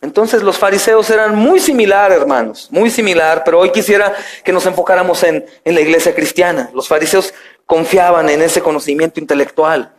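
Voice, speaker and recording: A man's voice: high voice, a little fast. A middle-aged man, a pastor preaching a sermon in a church, with rising, emphatic phrases and frequent direct address to the congregation. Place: church sanctuary.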